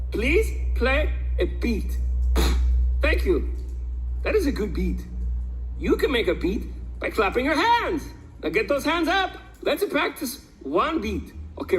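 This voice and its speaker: A performer voicing a cheerful, excitable cartoon guide in a children's video, bouncy and exclaiming. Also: high-pitched, slight background noise, full character voice, low-quality recording. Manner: bouncy, exclaiming, laughing between lines.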